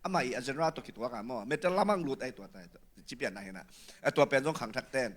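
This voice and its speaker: A man critiquing a singer's performance in an animated, lively way. His pitch swings widely as he talks. The tone is bright and forceful. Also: racing.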